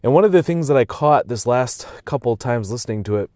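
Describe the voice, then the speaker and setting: A man's voice: medium pitch, animated, a little fast, darkish tone, no room sound, studio quality. A man talking casually to his viewers in a rambling, reflective way, tired and hiccuping, with many fillers and restarts. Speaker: vlogger. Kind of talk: casual personal monologue.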